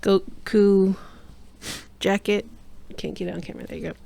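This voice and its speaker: A woman's voice: medium pitch, steady tone, normal speed, creaky, dark tone. A woman co-hosting a casual chat in a home studio, playful and teasing, laughing often. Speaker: co-host.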